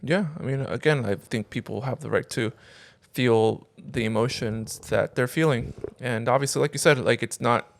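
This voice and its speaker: A man's voice: mid-range voice, normal speed, vocal fry, few pauses. A man chatting casually in a hesitant, agreeable way, feeling out his phrasing as he goes. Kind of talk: casual chat.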